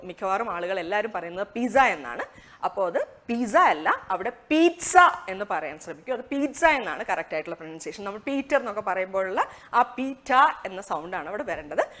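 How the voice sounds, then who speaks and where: Brief: woman, pronunciation teacher, animated pitch, chatty and patient. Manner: conversational, asks rhetorical questions, slows on target words. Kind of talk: explanatory lesson.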